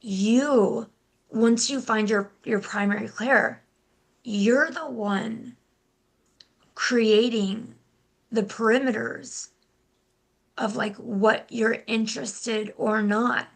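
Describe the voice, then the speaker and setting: A young adult woman speaking as a guest in a casual interview, often restarting her sentences and filling pauses with "like". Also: fairly high pitch, steady tone, vocal fry. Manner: halting, restarts, many "like" fillers. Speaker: guest, intuitive healer and life coach.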